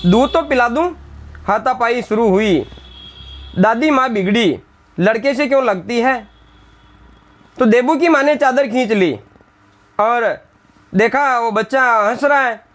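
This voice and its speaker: A man's voice: high voice, a bit bright. A male teacher explaining a Hindi textbook lesson, reading lines and then retelling them in simple words. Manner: briefly acts out the village women's scolding lines. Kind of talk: classroom lesson explaining a text.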